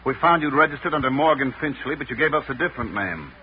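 An actor playing a hard, blunt homicide sergeant who accuses and gives orders in an old-time radio crime drama. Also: male voice, medium pitch, animated, quick pace, lightly acted. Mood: stern, interrogating. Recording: dull, noisy old radio recording.

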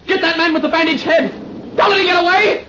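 An actor playing a frantic, shell-shocked young army lieutenant in a radio war drama, ranting wildly and crying out the same words again and again. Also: male voice, very high-pitched, steady tone, very fast, raised voice. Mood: hysterical ranting. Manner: wild, unhinged ranting with repeated cries. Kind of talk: old-time radio war drama acting. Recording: muffled vintage radio recording, faint noise.

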